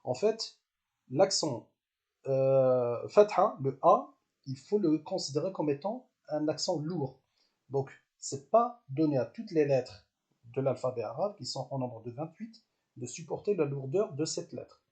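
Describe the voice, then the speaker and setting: A man teaching a language lesson, explaining step by step with patience, repeating syllables slowly and pausing with hesitant fillers. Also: on the high side, lively intonation, darkish tone.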